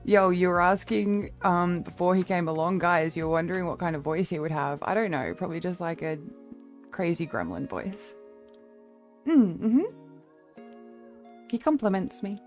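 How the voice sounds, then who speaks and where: Young woman chatting on stream, kinda low voice, swears a lot, rambles. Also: lively intonation, moderate pace, long pauses, soft background music. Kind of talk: casual stream chat.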